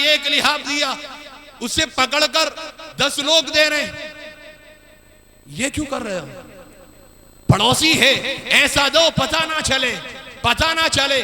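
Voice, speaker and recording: A man preaching an impassioned sermon, swinging between loud emphatic bursts and quiet dropped phrases. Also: very high voice. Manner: impassioned preaching, rising and falling sharply. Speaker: Islamic preacher.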